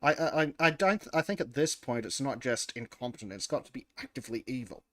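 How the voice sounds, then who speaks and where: A man's voice: mid-range voice, lively intonation, quick pace, fairly bright tone, no echo. A man co-hosting a podcast, chatting casually over a remote call, laughing often and swearing freely. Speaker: podcast co-host. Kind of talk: casual chat.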